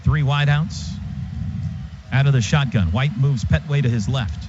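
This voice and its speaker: Calling a football game live on radio, an American man speaks unhurriedly in a medium-pitched voice from a stadium booth. His phrases are clipped and vivid, and the broadcast audio is dull and noisy.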